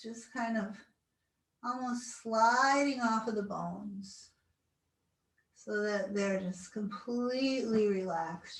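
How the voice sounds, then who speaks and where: A woman leading a guided relaxation as an instructor, speaking in a soothing, gentle, unhurried way. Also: mid-range voice. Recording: roomy echo, distant mic, video call recording.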